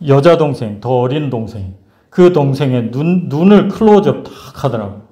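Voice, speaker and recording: Animated male preacher telling a story. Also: medium pitch, normal speed. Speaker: pastor. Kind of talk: sermon.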